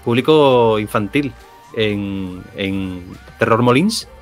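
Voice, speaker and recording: A man of about forty with a Cádiz accent, answering interview questions in a relaxed, rambling way and correcting himself as he goes. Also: on the low side, slow. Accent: Andalusian, Cádiz. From Cádiz, Spain. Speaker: guest, animator. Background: faint background music.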